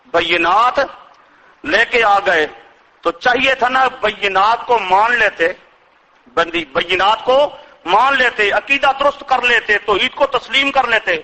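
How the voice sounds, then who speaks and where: A man's voice: extremely high pitch, bright, forceful tone, poor audio. An older male Islamic scholar with a Punjabi accent, giving a sermon that poses rhetorical questions to his listeners and chants Quranic verses.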